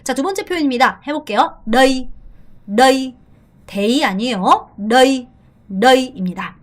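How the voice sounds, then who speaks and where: A middle-aged woman teaching an online language lesson, lively, often repeating practice phrases slowly for her students. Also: high voice.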